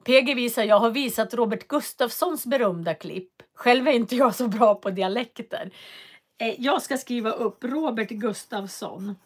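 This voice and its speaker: Lady chatting on her livestream, lots of ums, reads the chat out. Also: fairly high pitch. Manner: chatty, reads out viewer comments, frequent hesitations. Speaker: livestream host. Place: cold home office.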